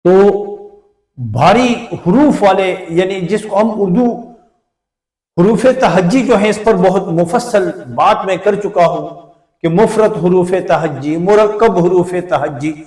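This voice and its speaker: A male teacher with an Urdu accent who explains slowly, repeating words to show their pronunciation in a classroom lesson. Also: high voice, expressive, a little mellow, echoey room, recorded from a distance. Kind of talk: slow blackboard lesson.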